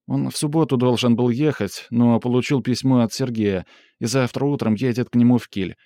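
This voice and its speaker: Guy doing a worried young sister, voice pushed up higher, urgent and pleading, audiobook. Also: steady tone, a little fast, warm tone, no echo, studio quality, natural voice. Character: young adult woman, anxious, devoted sister.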